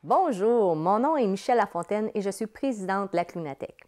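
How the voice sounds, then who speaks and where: A woman's voice: medium pitch, expressive, brisk, darkish tone, slight background noise. A woman with a Quebec accent enthusiastically explaining her children's show in a promotional interview. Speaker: children's entertainer, company president.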